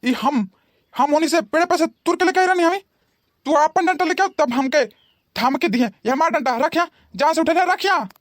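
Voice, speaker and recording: A woman's voice: high voice, moderate pace, dry recording, studio quality, lightly acted. A woman voicing an aging cartoon husband who coaxes his wife and stammers through excuses, with a Bhojpuri accent. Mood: scolding. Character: aging husband, pleading and wheedling. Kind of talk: cartoon voice acting.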